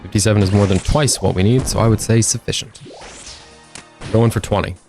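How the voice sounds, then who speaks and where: A man with a lowish voice keeps up a running stream of casual, joking commentary while he plays a game. He rambles from point to point in a relaxed, chatty way, with faint music underneath. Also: brisk.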